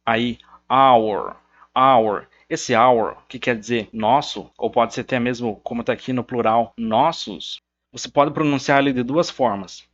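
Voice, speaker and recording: A man teaching English from song lyrics, patiently repeating words slowly to show their pronunciation. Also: mid-range voice, a bit bright, lo-fi sound.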